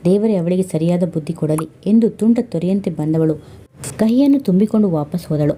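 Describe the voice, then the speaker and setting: A woman narrating a scripted family story in a steady, expressive reading. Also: lowish voice, brisk, a little hiss or hum.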